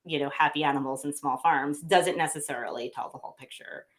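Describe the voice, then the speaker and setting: In a casual interview, a deep-voiced woman speaking fairly quickly describes her pet food company's meat sourcing. She represents the company and comes across chatty and slightly sniffly, full of fillers and false starts.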